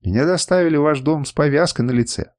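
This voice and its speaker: A man's voice: on the high side, quick pace, darkish tone, pitched above the performer's own voice, lightly acted. A man voicing a frightened young captive woman who pleads tearfully in an audiobook reading. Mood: timid.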